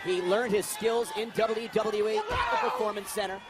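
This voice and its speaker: A man delivers excited live wrestling commentary as the play-by-play caller. His voice rides extremely high as he calls each move with dramatic emphasis. A loud arena crowd and heavy noise surround him. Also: moderate pace. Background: roaring crowd in an arena.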